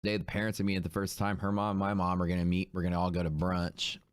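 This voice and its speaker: A man's voice: sits low, completely flat delivery, fast talker, smooth, dry recording. A hungover man chatting casually and in laid-back slang as he hosts a livestream. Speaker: host of a live day-trading stream.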